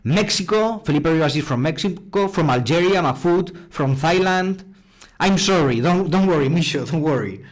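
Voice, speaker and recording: A man's voice: a little high, animated, moderate pace. A man from Spain with a Spanish accent, teaching a live online programming class in a chatty way, often repeating words and answering viewers' chat. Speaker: online robotics instructor. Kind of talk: live-streamed coding class.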